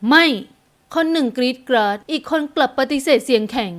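A woman narrating a Thai romance audiobook in a smooth, even reading voice. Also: high voice, fast. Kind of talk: scripted narration.

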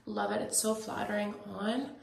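A young female vlogger chats to her handheld camera, bubbly and effusive, peppering her speech with "like" and "obsessed," while indoors in a car and in shops. Her medium-pitched voice is steady and creaky at a normal pace. Audio is echoey, with faint background ambience.

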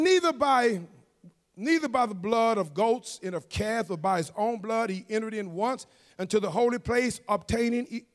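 High-voiced preacher in a reverberant church. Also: male voice. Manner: reads scripture then rises to shouted, sing-song preaching. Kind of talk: sermon. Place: church service.

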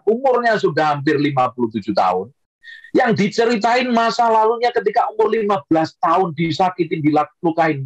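A man preaching an online sermon, joking and swinging his pitch up and down for emphasis. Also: dry recording, low-quality recording.

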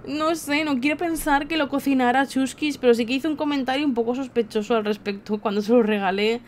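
A woman's voice: high voice, a little fast, a little hiss or hum. A young woman with a Spain Spanish accent giving gameplay commentary to her viewers with theatrical, exaggerated dismay. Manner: theatrical mock-grief, exclaiming to viewers. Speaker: gaming channel host. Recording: faint background game music.

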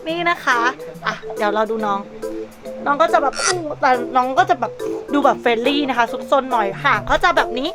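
A woman's voice: high voice, expressive, brisk. A woman presenting a pet shop video in a playful, gushing, cutesy manner, switching between sales talk and baby talk. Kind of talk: bubbly pet showcase vlog with sales talk. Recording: music laid behind the voice. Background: background music.

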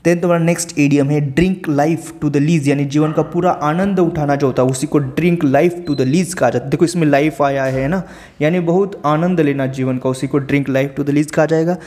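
Man, slightly high voice, patient teacher explaining idioms and spelling words aloud. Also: steady tone, normal speed, darkish tone. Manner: explains idioms step by step, spells words letter by letter, asks rhetorical questions; frequent filler "है ना". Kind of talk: vocabulary lesson in Hindi.

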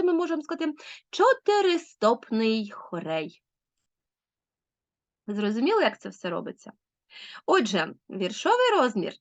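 A Ukrainian-accented woman teaching a literature lesson, her pitch rising and falling in a lively, teacherly way. The recording is dry and close, with a slightly dull, lo-fi sound. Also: no room sound. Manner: lively teacherly, with many diminutives. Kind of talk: school lesson explanation.

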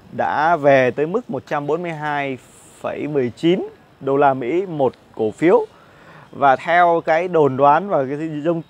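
Chatty Vietnamese market commentator, slightly high. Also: male voice. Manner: chatty, many fillers and repeated words. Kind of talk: casual investment commentary. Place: outdoor cafe patio with plants. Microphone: lapel mic.

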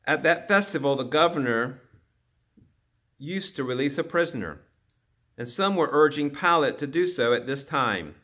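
A man reading scripture aloud at a church service, solemn and dramatic, raising his voice for the crowd's shouts. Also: expressive, moderate pace. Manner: dramatic, voicing the crowd's shouts louder and higher.

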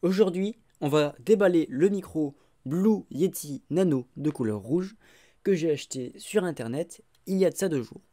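Chatty man unboxing, mellow voice. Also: on the high side, moderate pace. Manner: relaxed, chatty, self-mocking. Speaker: tech unboxing vlogger. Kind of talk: casual unboxing chat. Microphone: phone recording.

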